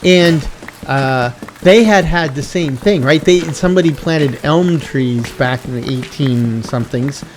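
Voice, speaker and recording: A middle-aged American video game streamer with a voice on the high side chats at length at a measured pace, drifting off topic and correcting himself. His rambling talk is reflective and casual, with slight background noise.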